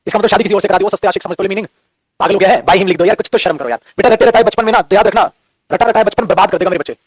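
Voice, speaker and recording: A man teaching a grammar class at a breakneck pace, his voice pitched high. He scolds his students in a playful way and keeps drilling the same questions over and over. The sound is dry and close, with no room echo. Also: rapid-fire, breathy edge. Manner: playful scolding, calls students "beta", jokes; teasing, repetitive drilling questions. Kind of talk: Hindi-medium grammar class lecture.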